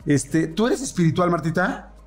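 Mexican man, podcast co-host, slightly high voice, relaxed conversational delivery. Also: normal speed, faint music behind. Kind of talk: casual chat.

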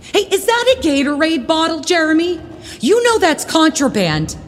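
In a comedic audio drama, an actress plays a prim, bossy, judgmental church youth leader who sounds sweetly stern and passive-aggressive, using dramatic pauses. Her female voice is extremely high and sing-song, with a long reverb tail and slight background noise.

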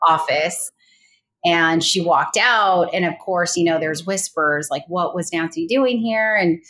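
A woman's voice: on the low side, bright, forceful tone. A woman recounting a real crime in a casual interview, hesitant with many fillers and restarts. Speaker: guest recounting a colleague's murder.

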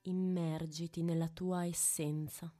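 A woman leading a guided meditation in a hushed, intimate voice right by the ear, with long pauses between short phrases. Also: low voice, level tone, faint music behind. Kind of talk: guided meditation, slow and soothing.

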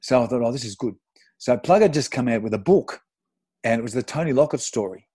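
A middle-aged Australian man, a former footballer, telling an animated, sweary anecdote with self-deprecating laughs in casual podcast chat. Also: medium pitch, brisk, slightly rough, no room sound. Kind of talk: casual storytelling.

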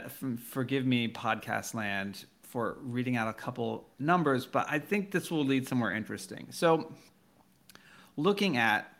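A man hosting a podcast as a financial reporter, interviewing conversationally and rephrasing in a halting way as he builds his questions. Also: mid-range voice, pushed and bright.

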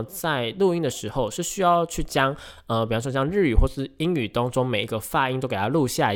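A man hosting a podcast, explaining things in a casual, rambling way with frequent hesitations and self-corrections. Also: medium pitch. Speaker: podcast host.

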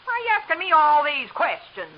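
A woman's voice: high voice, big pitch swings, fairly quick. An actress playing a nosy, prickly older neighbor woman in a 1940s radio drama. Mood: gossipy. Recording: dull lo-fi old radio recording.

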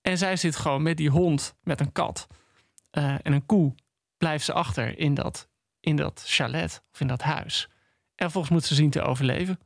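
Gravelly, halting male book critic. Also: on the high side, no room sound, clean studio sound. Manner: halting, full of restarts and ums. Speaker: podcast co-host. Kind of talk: casual book discussion. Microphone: studio microphone.

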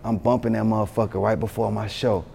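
A man tells stories in a relaxed interview. His voice is mellow and dark, and the hall gives it a long reverb. He talks loosely and excitedly, swears, and keeps adding "you know what I'm saying". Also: on the low side, fast talker, gravelly, breathy edge. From Atlanta, born in Yonkers. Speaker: interview guest, rapper. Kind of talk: casual storytelling interview.

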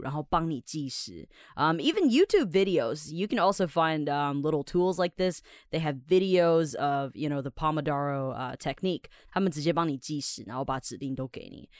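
A woman's voice: sits low, no room sound, clean studio sound. A woman from Taiwan with a Taiwanese Mandarin accent, hosting a podcast English lesson. She reads English lines aloud, then explains them in chatty Mandarin. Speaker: English teacher and podcast host.

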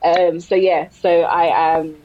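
A woman's voice: lowish voice, level tone, takes it slowly, a little mellow, highs cut off. A woman in her late twenties with a South London accent, chatting casually as a podcast co-host. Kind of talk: casual chat. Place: remote virtual recording. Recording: clear background noise on virtual call.

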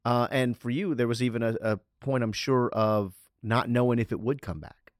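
A man's voice: mid-range voice, fairly even intonation, moderate pace, dry recording, clean studio sound. A man co-hosting a talk show, asking long rambling questions. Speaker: co-host. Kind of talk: casual interview talk.

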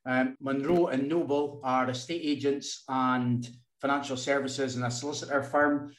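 A man co-hosting a podcast in casual chat, halting and repeating small words as he goes. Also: medium pitch, fairly even intonation. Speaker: podcast co-host. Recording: roomy, echoey sound.

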